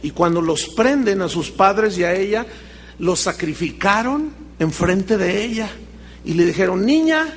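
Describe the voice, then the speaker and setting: A man's voice: high-pitched, a little slow, breathy edge, in a large hall. A male pastor preaching a sermon with dramatic storytelling, addressing his congregation. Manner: dramatic storytelling, acting out quoted voices.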